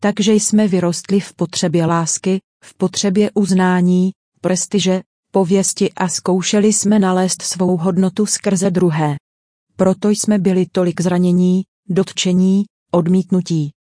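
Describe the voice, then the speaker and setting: A woman reads a translated sermon as a voice-over, earnest and direct in her delivery. Her voice sits a little low with a mellow, warm tone. The recording is dry and close, with no room around it. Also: fairly even intonation, dry recording. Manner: earnest, direct storytelling preaching.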